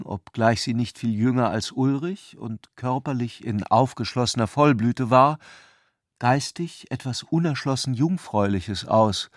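For a radio play, a man reads scripted literary narration in a mid-pitched voice, phrasing each line in a measured, reflective way. The recording is dry, with no room sound around him.

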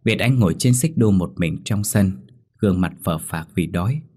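A man narrating a ghost story in a steady, somber manner. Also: low voice, normal speed, breathy edge. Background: faint music.

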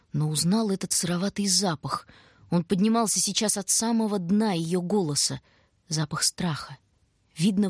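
A woman narrating a story in an even, measured reading. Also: on the low side, breathy edge, dry recording, clean studio sound. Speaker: audiobook narrator. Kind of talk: scripted narration.

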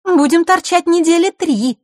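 A woman's voice: very high voice, normal speed, a little mellow, dry recording, studio quality, voice pushed up. A woman voicing a spiteful teenage girl who mocks in a singsong, sneering tone. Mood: mocking.

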